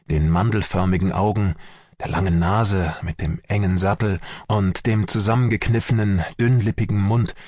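A man narrating an audiobook in a measured storytelling manner, with a husky voice. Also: fairly low pitch, steady tone, darkish tone, no echo, studio quality.

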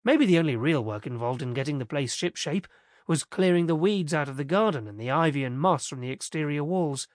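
A man's voice: fairly high pitch, dry recording. Man narrating an audiobook, dry close sound. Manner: steady, measured storytelling.

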